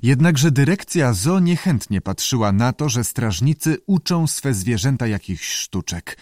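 Brief: expressive male narrator, animated pitch, dry studio audiobook read. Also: a little slow, no echo. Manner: expressive storytelling.

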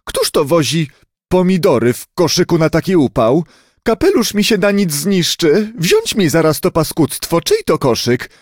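A man's voice: a little high, big pitch swings, moderate pace, dry recording, studio quality, pitched above the performer's own voice. A man voicing an irritable lady fussing over her hat, huffy and scolding.

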